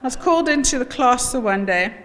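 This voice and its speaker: A middle-aged South African woman gives an informal wedding toast as mother of the bride, chatty, jokey and halting. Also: sits high, animated. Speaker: mother of the bride giving a speech. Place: wedding reception room. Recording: echoey hall, background noise.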